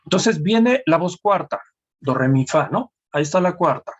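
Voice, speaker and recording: Man, raised pitch, online seminar teacher, careful explainer, lo-fi call sound. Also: animated, normal speed. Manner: explanatory, careful, frequently addressing the class. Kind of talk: academic lecture on music theory. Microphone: video call. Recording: dull lo-fi video call audio.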